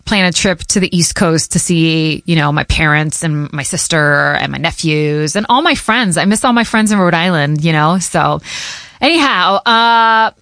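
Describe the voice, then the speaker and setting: With a fairly low, fairly bright voice at a moderate pace, this woman in her thirties hosts radio from Connecticut, though Portuguese is her first language. She answers listener questions in a relaxed way, laughing between thoughts, recorded studio-quality with no echo.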